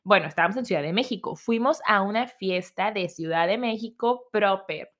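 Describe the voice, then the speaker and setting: A woman's voice: mid-range voice, moderate pace. Chatty young Mexican woman telling a story. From Guadalajara, Mexico. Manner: chatty, animated, acts out quoted voices. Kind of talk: casual storytelling.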